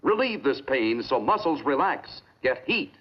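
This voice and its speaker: A man reading a scripted commercial voice-over as an earnest, emphatic pitchman. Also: big pitch swings, measured pace, noisy background. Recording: dull lo-fi vintage ad.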